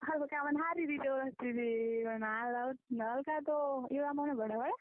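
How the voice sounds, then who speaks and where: Gossip flows in this private phone call from a young woman with a rural Gujarati accent, who questions her listener and recounts conversations in quoted exchanges. Her voice sits high at a moderate pace, and the dry recording is muffled and band-limited.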